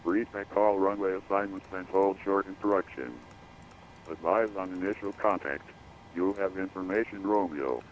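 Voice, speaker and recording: An automated male voice reading an airport weather and runway information broadcast over radio, in a flat, repetitive readout. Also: deep voice, normal speed. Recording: dull lo-fi radio feed with faint hiss.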